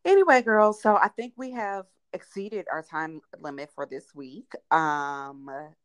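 A woman's voice: sits low, measured pace, clear, resonant tone, no room sound, clean studio sound. A woman hosting a casual podcast, frank and colloquial with emphatic delivery. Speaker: podcast host.

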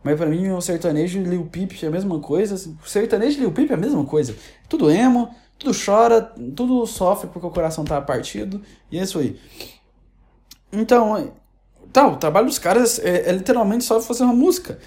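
A woman's voice: medium pitch, animated, a little fast, warm tone. A woman with a Brazilian accent ranting casually as an online commentator, sarcastic and rambling with many restarts. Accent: Brazilian Portuguese. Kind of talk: casual opinion rant.

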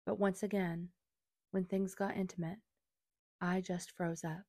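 Low-voiced woman reading her memoir. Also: flat delivery, measured pace, warm tone, no room sound, clean studio sound. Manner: earnest, confessional. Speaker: memoir narrator. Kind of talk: reading a personal memoir aloud.

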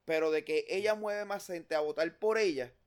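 A man's voice: on the high side, normal speed. A man with a Puerto Rican accent co-hosting a casual political chat, blunt and swearing freely as he cuts in. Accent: Puerto Rican Spanish. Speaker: podcast co-host.

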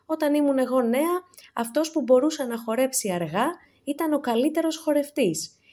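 A woman's voice: sits high, lively intonation, mellow, pitched above the performer's own voice. A woman doing a chatty ninety-year-old grandmother. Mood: reminiscing.

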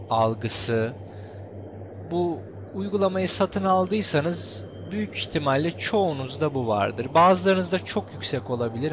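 Higher-voiced man guiding a meditation over music. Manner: conversational, instructive, addressing the listener directly. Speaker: guided meditation instructor. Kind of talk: explanatory self-help talk and guided relaxation. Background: background music.

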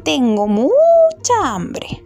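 A woman voicing a plump, hungry hen in a children's story, asking slowly for a bite. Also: sits high, wildly swooping pitch, mellow, faint music behind, full character voice. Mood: coaxing.

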